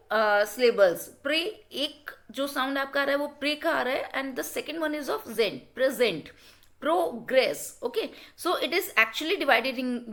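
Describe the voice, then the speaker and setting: Indian english lady teaching a class, high voice, keeps saying okay?, switches into hindi sometimes. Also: fairly bright tone. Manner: mixes English with Hindi explanations, frequent "okay?" checks. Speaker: lecturer. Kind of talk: classroom lecture.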